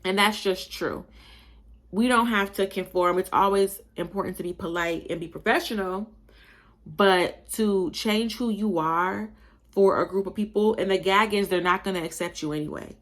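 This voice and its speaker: Her pitch is medium and her speed normal as she hosts a chatty opinion podcast. The young Buffalo, New York native has a slightly Southern-tinged accent, speaks in an animated, emphatic way, and refers to listeners as y'all.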